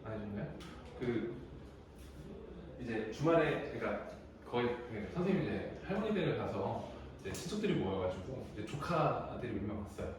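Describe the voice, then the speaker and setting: Young male teacher, casual and chatty, animated delivery, distant mic, very echoey room. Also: fairly low pitch, moderate pace, background noise. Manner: chatty storytelling, lively, laughs often. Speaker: high school English teacher. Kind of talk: casual classroom lecture.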